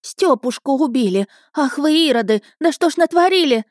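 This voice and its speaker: A woman doing a loud scolding townswoman. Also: sits high, lively intonation, moderate pace, no echo, clean studio sound, voice pushed up. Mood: lamenting. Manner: scolding, lamenting. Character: scolding, fretful townswoman mother, lamenting loudly.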